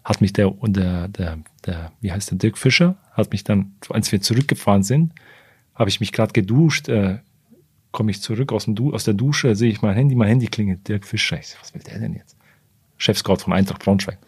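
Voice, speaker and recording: A man's voice: lowish voice, a little fast, darkish tone, husky, no room sound. A man, a retired goalkeeper, telling stories from his career as a guest in a casual studio interview, rambling with many fillers and restarts. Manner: retells conversations in direct quotes. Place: podcast recording studio.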